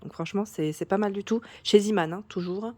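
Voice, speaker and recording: A woman vlogger chatting casually through a shopping haul, full of fillers and restarts, her voice cracking and hoarse at times. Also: medium pitch, fairly quick, no room sound. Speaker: YouTube vlogger.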